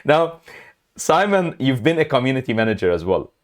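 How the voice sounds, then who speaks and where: A man from Lebanon hosting a casual interview, talking in a halting way with lots of fillers and frequent laughs. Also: mid-range voice, very animated. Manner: hesitant, many fillers, laughs often. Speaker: host.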